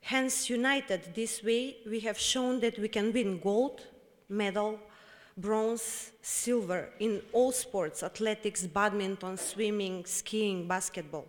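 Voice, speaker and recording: A woman's voice: mid-range voice, slow pace. A woman giving a formal, somber speech as president of a sports organization. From North Macedonia. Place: event hall. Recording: long hall reverb.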